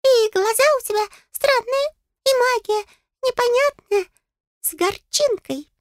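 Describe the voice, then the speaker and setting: A woman voicing a tiny male fairy in an audiobook, squeaky, pompous and greedy, with a bossy, indignant manner. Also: measured pace, dry recording, clean studio sound. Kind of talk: audiobook character voice.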